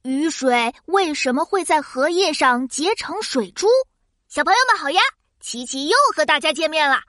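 A woman's voice: sits high, expressive, normal speed, a bit bright, dry recording. A woman voicing a curious, cheerful, easily amazed child host in a children's science cartoon, with a childlike, exclaiming manner. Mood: cheerful, inviting. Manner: childlike, exclaiming, wide-eyed.

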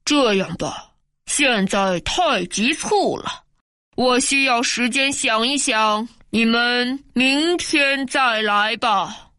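Woman narrator doing a meek, shaky old wizard in a storybook, slow and low, dry close sound. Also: bright, forceful tone, dry recording. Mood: solemn. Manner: slow and trembling. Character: timid little old bald male wizard. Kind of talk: storybook reading.

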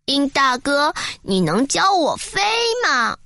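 A woman's voice: sits high, very animated, takes it slowly, sharp tone, dry recording, clean studio sound, full character voice. Woman voicing a stubborn little turtle. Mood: eager. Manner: pleading, insistent.

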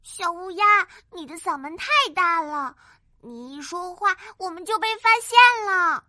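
A woman voicing a slightly pouty but kind little bunny in a children's bedtime story, with a soft, high childlike voice. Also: animated, a little slow, no echo, clean studio sound, full character voice. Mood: complaining.

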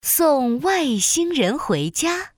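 A woman narrator reading a scripted children's story in an animated storytelling style. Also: sits high, extremely slow, no echo, clean studio sound.

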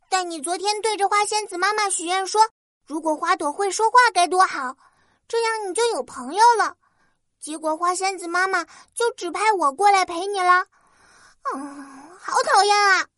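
A woman's voice: very high voice, pushed and bright, dry recording, studio quality, pitched above the performer's own voice. A woman voicing a tiny, hot-tempered flower fairy girl for a children's story, with a piping little voice and a petulant, complaining manner.

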